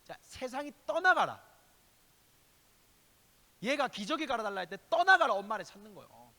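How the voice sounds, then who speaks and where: A man preaching a youth sermon in a church, swinging between loud exhortation and hushed asides and firing rhetorical questions at his listeners. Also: extremely high pitch, sing-song, normal speed, big-room sound. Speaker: youth pastor. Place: church sanctuary.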